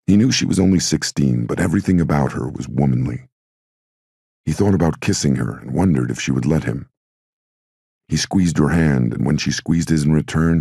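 A man reading an audiobook aloud in a steady, measured way. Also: extremely low pitch, vocal fry, breathy edge, no echo, clean studio sound. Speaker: audiobook narrator. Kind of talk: audiobook narration.

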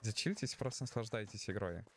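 A man's voice: fairly low pitch, brisk, slight background noise. A man streaming a game, chatting casually, swearing a lot and arguing with his chat.

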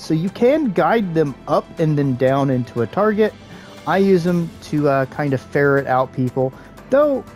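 A man hosting his gaming channel, giving relaxed, casual gameplay commentary with joking asides and the odd filler pause. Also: on the high side.

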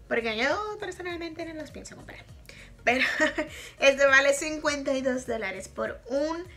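A woman from Puerto Rico in her thirties, with a Puerto Rican Spanish accent, chats openly and laughs often while reviewing makeup in a vlog filmed in a small indoor bedroom. Her voice is a little high, sharp, and touched with vocal fry.

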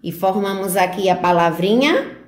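A woman's voice: medium pitch, expressive, moderate pace, reverberant. A woman from northeastern Brazil with a northeastern Brazilian Portuguese accent, teaching small children in a remote lesson and sounding out syllables in a sing-song, coaxing way. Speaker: preschool teacher. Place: home or classroom recording for remote teaching.

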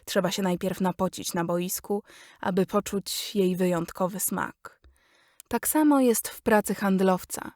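A woman narrating a business guide audiobook in a measured, instructive way, addressing the listener directly. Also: mid-range voice, a little mellow, no room sound, studio quality.

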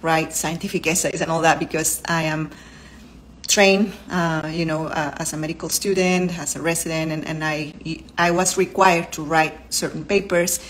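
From indoors in her living room, a woman doctor and vlogger in her thirties chats to the camera, her English carrying the accent of her native Spanish. Her low voice keeps a fairly even intonation at a moderate pace as she earnestly lists health terms one at a time, over a faint hiss or hum.

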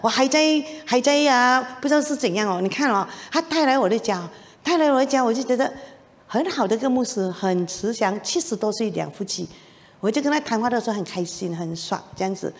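A middle-aged woman gives her personal testimony to a church congregation, telling it in an animated way and acting out the lines of the people in her story. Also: on the high side, brisk. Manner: animated storytelling with laughs and acted-out quotes. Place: church hall. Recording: long reverb of a church hall.

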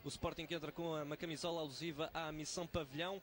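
A man with a European Portuguese accent doing live play-by-play futsal commentary, with an excitable delivery. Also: on the high side, fast talker. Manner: shouts excitedly on big plays. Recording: loud sports hall noise behind. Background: sports hall ambience, bouncing ball.

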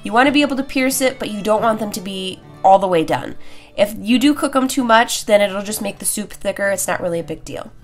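A woman's voice: mid-range voice, animated, brisk. Young woman doing a casual cooking vid, playful, honking stuffy-nose voice from a cold, music behind. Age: young adult. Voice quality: congested, nasal, honking. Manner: chatty, playful. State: stuffed nose and sore throat. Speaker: cooking video host. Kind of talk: casual recipe tutorial. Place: home kitchen, indoors. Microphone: lapel mic.

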